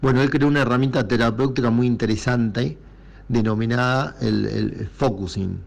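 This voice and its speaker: A man's voice: medium pitch, normal speed, gravelly, a little mellow. A man with an Argentine Rioplatense accent hosting a casual reflective monologue, speaking encouragingly straight to his listeners. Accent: Argentine Rioplatense Spanish.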